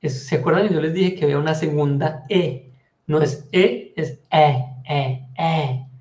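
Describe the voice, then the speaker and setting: Male teacher, slightly high-pitched, unhurried, drills each sound by repeating it; echoey room. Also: a little mellow. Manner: patient, repeats and stretches out sounds to demonstrate. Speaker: French teacher. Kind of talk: online language lesson.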